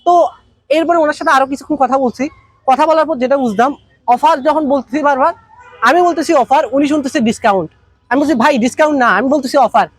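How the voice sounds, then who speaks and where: A man teaches a business masterclass in a very high voice and at a quick clip. He talks colloquially and acts out little conversations to make his points. The recording is dry and close. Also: no room sound. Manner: colloquial, tells anecdotes with acted dialogue. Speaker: business trainer. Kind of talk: masterclass talk.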